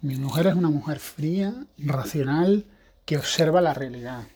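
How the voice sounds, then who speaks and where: A man's voice: on the high side, moderate pace, a little mellow, husky. A man hosting a podcast, talking in a rambling, casual monologue with frequent restarts. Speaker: podcast host; evangelical pastor.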